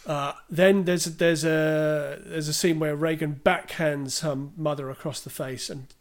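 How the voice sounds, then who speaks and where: Guy co-hosting a film podcast, kinda high voice, chatty, retelling scenes. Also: fairly even intonation, unhurried. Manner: chatty, retells film scenes, reads listener questions aloud. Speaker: podcast co-host. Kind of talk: casual film discussion.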